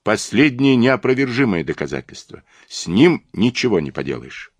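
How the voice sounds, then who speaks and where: A man's voice: medium pitch, big pitch swings, normal speed, no room sound, voice pushed up. A man reading the part of a boastful police detective who argues in a mocking, insistent way.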